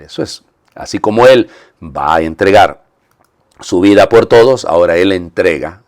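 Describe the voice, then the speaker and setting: A man preaching a weekday homily as a priest, explaining in a conversational way, with many fillers and tag questions. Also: low-pitched.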